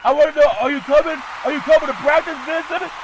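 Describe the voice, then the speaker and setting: Guy putting on a high mocking coach voice, loud, noisy car sound behind. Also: steady tone, rapid-fire. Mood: mock-serious. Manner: high, loud mock impression. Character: gruff male basketball coach voice.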